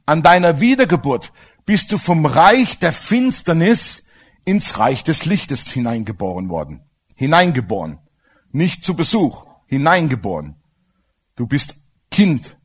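A man's voice: mid-range voice, breathy edge. A man preaching a sermon with emphasis and humorous asides, often asking the congregation for agreement.

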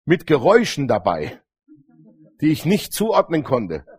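Animated and full of stories, a middle-aged preacher speaks at a measured pace in a voice on the high side and slightly rough. He keeps calling "Amen" out to his congregation.

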